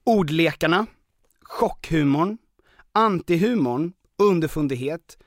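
A man hosting a podcast who walks through categories in an explaining tone, with the odd filler. His voice sits a bit high. The sound is close and dry, with no room echo. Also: animated. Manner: lecturing, lists categories with fillers. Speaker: podcast host. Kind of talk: casual explanatory chat.

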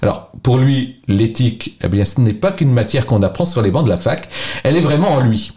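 A man co-hosting a casual podcast, chatty and friendly, often pausing with fillers. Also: medium pitch, lively intonation, mellow. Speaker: podcast co-host.

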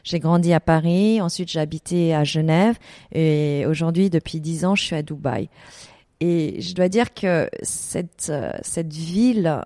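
A middle-aged Vietnamese woman who runs a desert events business answers interview questions, often hesitating with fillers and restarting sentences. Her voice sits low with a dark tone and an unhurried pace, captured in clean studio sound with no echo.

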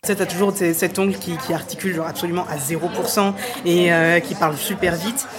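A woman's voice: fairly low pitch, fairly even intonation, a little fast, crowd noise. A woman guest on a podcast, talking casually and chattily, full of fillers and restarts. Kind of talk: casual interview talk.

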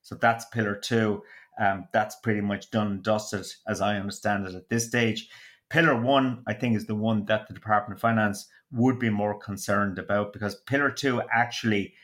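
A man explaining tax policy on a podcast in a measured, hedging way. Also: on the low side, steady tone, fairly bright tone. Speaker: economics commentator. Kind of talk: podcast discussion.

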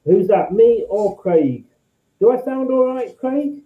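A man's voice: very high voice, expressive, slow pace. Muffled man talking as if through a wall. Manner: chatty, rambling with fillers. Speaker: host of a football fan live stream. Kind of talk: casual live chat. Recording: muffled, echoey, phone-like sound.

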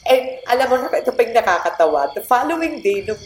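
A woman's voice: on the high side, fairly quick, a little hiss or hum. Middle-aged woman telling a story. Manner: animated storyteller, switches between Tagalog and English. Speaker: guest sharing her story. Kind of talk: casual Taglish conversation. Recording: roomy sound with crowd chatter behind.

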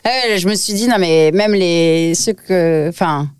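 A woman who runs a small business, chatting casually on a podcast and telling lively anecdotes. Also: lowish voice, a little slow, smooth, no room sound, clean studio sound. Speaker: guest entrepreneur. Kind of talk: casual chat.

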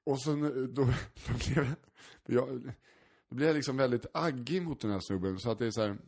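En man som berättar en pinsam anekdot i ett avslappnat samtal, skrattar ofta, svär och spelar upp röster. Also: medium pitch. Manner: animated, acts out voices in anecdotes, swears freely; laughs often while talking. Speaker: stand-up comedian, podcast co-host. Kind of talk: casual storytelling chat.

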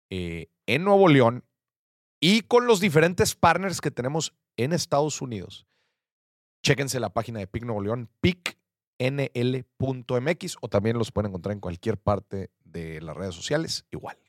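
Upbeat podcast host. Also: male voice, mid-range voice, no room sound, studio quality. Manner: friendly, upbeat, slangy, asks questions. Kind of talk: conversational podcast interview.

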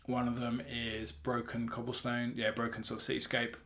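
A man hosting a hobby podcast in a casual, rambling, self-correcting way, recorded in the hallway of a flat. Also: mid-range voice, normal speed, gravelly. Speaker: podcast host.

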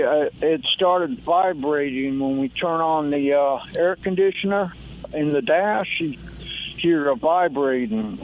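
A dull, faintly noisy phone line carries a man's voice. He speaks slowly and politely, with some hesitation, as a caller putting a casual question to a show. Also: a little high. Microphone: telephone.

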